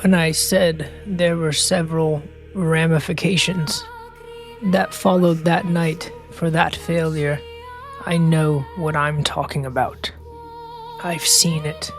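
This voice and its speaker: A man's voice: on the high side, steady tone, slow pace, fairly bright tone, faint music behind, voice pushed up. A man voicing a weary, haunted male warrior who survived a massacre, speaking solemnly and earnestly in a tabletop role-play. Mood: grave.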